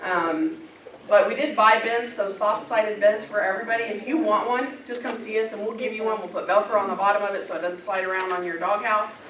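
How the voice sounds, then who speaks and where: A woman's voice: medium pitch, fairly even intonation, fairly quick, fairly bright tone, slight background noise. A woman trainer talking to bus drivers at a staff safety meeting, chatty and plain-spoken, often laughing. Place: meeting room. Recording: echoey room, mic at a distance, group audible. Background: audience of drivers.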